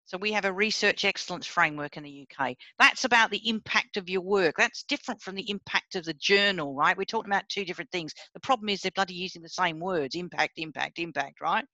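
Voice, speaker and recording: Speaking quickly with few pauses, a middle-aged woman professor from Sri Lanka leads a video-call seminar in a blunt, conversational way aimed right at her audience. Her low voice sounds pushed and bright. It's an informal academic talk, recorded muffled with no room sound.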